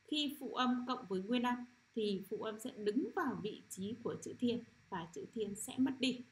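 A middle-aged woman teacher leading a children's phonics lesson, sounding out syllables slowly and often asking if the class has understood. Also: fairly high pitch, animated. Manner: repetitive, checks understanding with frequent "được chưa?".

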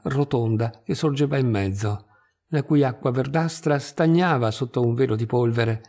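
A man reading a literary short story aloud in a measured, even narration. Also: mid-range voice. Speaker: reader.

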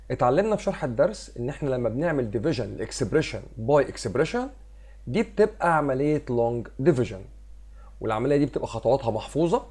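Slightly hoarse from a cold, a math teacher with an Egyptian Arabic accent runs quickly through a lesson as voice-over on a screen recording. His mid-range voice is mellow and dark. He explains step by step, blending English math terms into Arabic.

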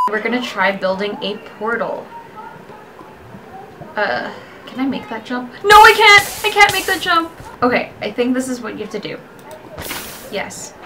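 A woman in her twenties giving casual, excitable gameplay commentary, talking herself through her moves. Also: mid-range voice. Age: 20s. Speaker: gamer and streamer. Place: bedroom, indoors. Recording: clear background noise with clicking.

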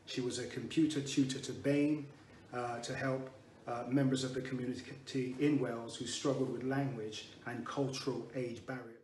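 A man reads a memorial tribute at an even, measured pace, catching himself and restarting a phrase now and then. He sits back from the mic, so the room echo comes through. A faint hiss of noise runs underneath. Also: medium pitch. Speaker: eulogy reader. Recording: roomy and distant with faint noise.

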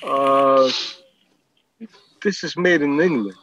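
A middle-aged man with a New York accent chatting casually on a video call, thinking aloud in halting phrases. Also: mid-range voice, a bit bright, dry recording. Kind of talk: casual chat. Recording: dull lo-fi video-call audio.

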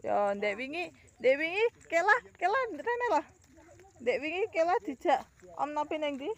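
By the rice fields outdoors, a woman in her thirties vlogs casually on a phone at arm's length, rambling and calling viewers guys in a Javanese ngapak accent. Her high voice swings widely in pitch while she talks at normal speed.

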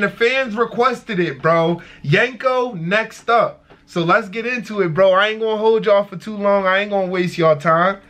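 American guy, reaction host, high bright voice, hyped, slangy, talks right at the viewers. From United States. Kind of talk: casual reaction chat.

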